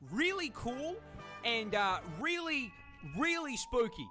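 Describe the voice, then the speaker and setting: A man's voice: very high-pitched, very animated, takes it slowly, sharp tone. A man reading scripted comedic narration with irreverent, sweary, theatrical emphasis. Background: music under the voice.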